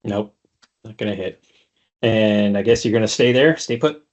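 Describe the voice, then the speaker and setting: A man running a tabletop game as game master, narrating monster moves and calling rolls, often pausing and restarting. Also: on the low side.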